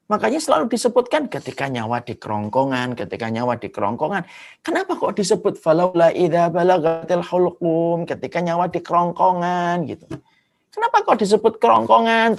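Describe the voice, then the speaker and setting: A man preaching an Islamic sermon, vivid and dramatic, punctuating points with sound words. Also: creaky. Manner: animated, swooping pitch with dramatic sound words.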